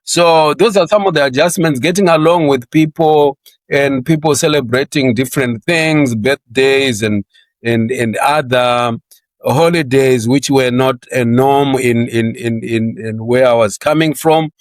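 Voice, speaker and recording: A man's voice: medium pitch, a little slow, no room sound. Zimbabwean man in his sixties, chatty and dry. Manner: chatty, laughs often, repeats words when starting sentences. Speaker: interview guest. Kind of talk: conversational career interview.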